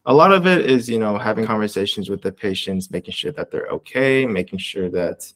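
A man's voice: on the low side, animated, a little fast, fairly bright tone. A young man from Canada, a research coordinator answering interview questions in a casual, rambling way with many fillers and restarts.

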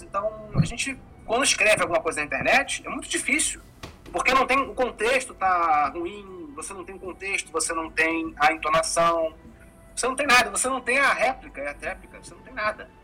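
A man's voice: high voice, bright, forceful tone, poor audio. A man hosting a casual discussion, explaining ideas thoughtfully. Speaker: host.

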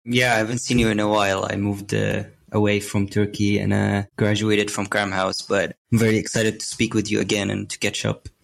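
A man's voice: on the low side, little pitch movement, brisk, creaky, few pauses. A young man from Syria, a podcast guest, answering hesitantly with many fillers. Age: young adult. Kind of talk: casual interview answers.

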